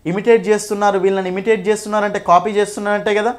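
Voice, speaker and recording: A man's voice: high-pitched, flat delivery, very fast. A young man teaching an English exam-prep lesson, repeating points and checking in with "okay?" often.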